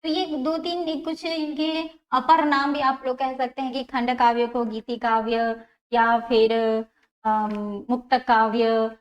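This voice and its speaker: Female lecturer, a little high-pitched, explains methodically and repeats terms, dull lo-fi recording. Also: level tone, slow pace. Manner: explanatory, repeats key terms, asks and answers own questions. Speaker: teacher. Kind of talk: exam prep lecture. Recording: dull lo-fi sound.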